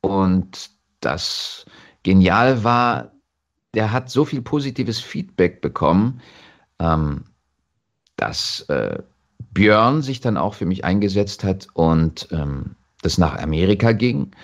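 A man with a German accent and a lowish, expressive voice reflects as an interview guest. He is thoughtful and halting, often restarting his phrases.

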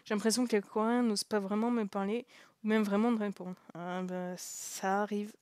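A young woman streaming a visual novel, reading it aloud and commenting in a chatty, joking way with frequent laughs and hushed asides. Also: mid-range voice, level tone, a little fast, no room sound, studio quality. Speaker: streamer playing a story game.

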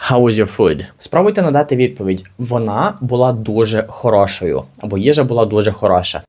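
A man teaching an English lesson, explaining phrases slowly and repeating them carefully for learners. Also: lowish voice, animated, darkish tone, slightly rough.

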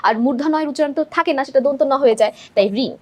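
A woman's voice: high-pitched, rapid-fire. A young woman teacher explaining exam multiple-choice answers step by step, often checking in with her students. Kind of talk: exam-prep lesson walking through multiple-choice answers.

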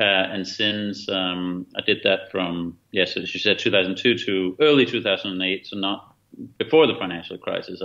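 A man's voice: sits low, vocal fry, bright, forceful tone. A man in his fifties from Denmark, a native Danish speaker, explaining things earnestly and emphatically in a remote interview with many fillers. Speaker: guest, author and former fund manager. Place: bright room at home. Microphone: laptop webcam video call. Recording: dull video-call audio.

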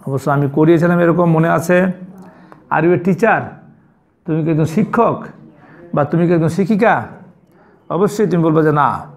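A male school teacher giving an online English lesson to young children, explaining word meanings step by step and repeating each answer slowly. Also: a little high.

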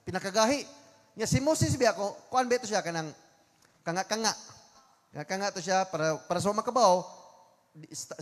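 A man with a Cebuano accent preaching a sermon, slowing down to read scripture lines with emphasis. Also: high voice, big-room sound. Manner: mixes English scripture quotes into Cebuano, slow emphatic reading.

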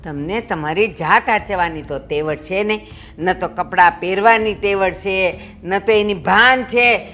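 An actress playing a middle-aged, sharp-tongued mother-in-law who bluntly scolds and mocks her son-in-law. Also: medium pitch, a little slow, soft background music, natural voice. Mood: scolding.

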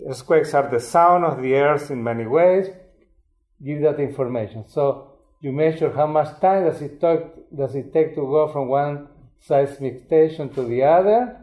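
A man's voice: a little high, mellow. Older man lecturing in a roomy hall. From Chile. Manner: unhurried, explanatory, frequent restarts. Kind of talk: public lecture.

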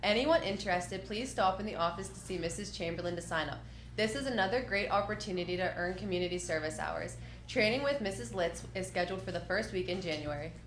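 A teenage girl reading the school's morning announcements over the intercom in a steady, clear way, with a brief giggle now and then. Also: fairly low pitch, fast talker, reverberant, soft background music.

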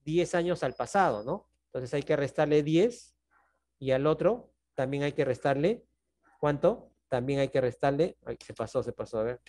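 A man with a Peruvian Spanish accent, teaching math over a video call. His voice sits a bit high. He walks through each step patiently and keeps checking that the class is following. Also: normal speed, darkish tone. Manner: patient, checks in often with "¿no?" and "¿está bien?". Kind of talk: online class explanation.

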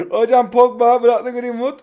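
High-voiced young man joking over gameplay. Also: a little mellow. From Turkey. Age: 20s. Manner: joking, teasing, talks to himself and viewers. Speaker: gaming YouTuber. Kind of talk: live gameplay commentary.

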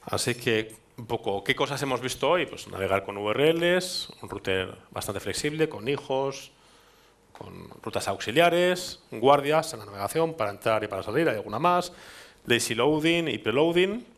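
Presenting at a technical meetup, a man from Spain in his thirties speaks with a Spanish accent to an audience in a dark hall, musing aloud with restarts and tag questions. He sounds expressive and fairly bright, with a mid-range voice at normal speed.

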